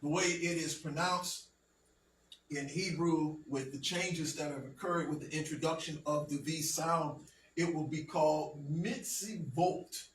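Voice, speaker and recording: A man leads a classroom lesson in a high, slow, deliberate voice, pausing often to check that his students follow. He is recorded from a distance in an echoey room with a faint hum of noise behind him. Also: fairly even intonation, a bit bright. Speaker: teacher.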